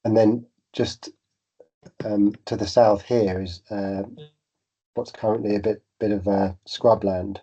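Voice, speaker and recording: A man with a bad cold presents at a meeting in a low, muffled, congested voice. His delivery is hesitant and very even, with a husky edge and dull recorded sound. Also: a little slow.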